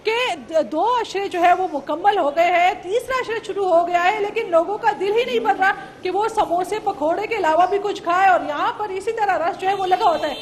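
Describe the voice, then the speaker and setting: A woman reporting live from a busy food market, narrating the scene in a lively way. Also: extremely high pitch, few pauses, slight background noise. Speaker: field reporter. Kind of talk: on-location report.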